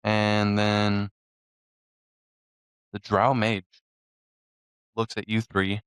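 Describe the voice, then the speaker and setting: A man narrating a tabletop game as game master, unhurried and filling pauses with "um". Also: fairly low pitch, monotone, a bit bright, clean tone, dry recording, clean studio sound. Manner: unhurried, with frequent "um" fillers.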